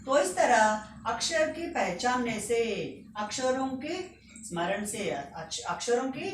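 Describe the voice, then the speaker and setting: A woman teaching a school lesson, patiently reciting letters one by one and explaining them slowly. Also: a little high, lively intonation. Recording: echoey room, distant mic, faint noise.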